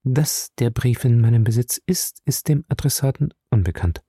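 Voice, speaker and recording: A man's voice: mid-range voice, lively intonation, normal speed, mellow, slightly rough, no echo, clean studio sound. A man reading an audiobook, voicing an earnest, composed young woman.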